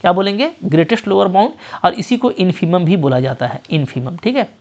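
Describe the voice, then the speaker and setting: A man teaching an exam-prep math lecture with an Indian English accent, often repeating short check phrases and slowing sharply when he reads out definitions. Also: high voice, animated, a little mellow, muffled recording.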